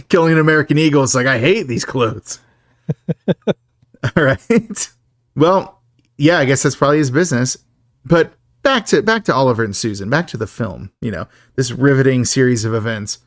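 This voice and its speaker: A man's voice: medium pitch, animated, moderate pace, no room sound, clean studio sound. A man co-hosting a podcast, recapping a film in a chatty, joking way and laughing often. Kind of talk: casual chat.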